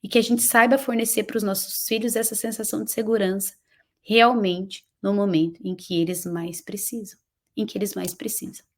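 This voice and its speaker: A woman in her thirties with a Brazilian Portuguese accent talks on a live stream about raising children. Her voice sits at a middle pitch, and she speaks with heartfelt emphasis, often repeating a phrase to stress it. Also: fairly even intonation, normal speed. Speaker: parenting educator hosting a live stream.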